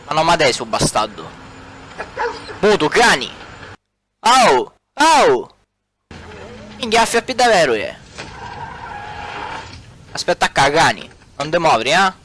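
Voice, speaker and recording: A man's voice: a little high, very animated, normal speed, pauses often, pushed and bright, a little hiss or hum, low-quality recording. A man with a Sicilian accent doing a crude, exclamatory comic parody dub in dialect.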